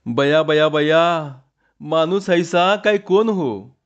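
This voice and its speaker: A man's voice: fairly high pitch, expressive, takes it slowly. Man putting on a fretful rural wife, raised and scolding, rustic speech, muffled lo-fi sound. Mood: anxious scolding. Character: rural village wife, anxious, outspoken, fearful of floodwater. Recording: dull lo-fi sound.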